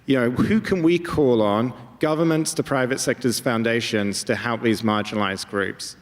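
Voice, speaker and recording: A man moderating a live panel discussion, brisk and upbeat, keeping the questions moving. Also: medium pitch, long reverb tail. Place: large event hall.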